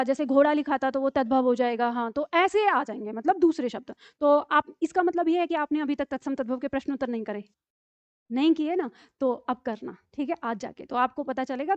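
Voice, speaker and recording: A woman's voice: high voice, no echo, dull audio. A woman teaching a Hindi grammar class online. She explains patiently and keeps checking in with rhetorical questions.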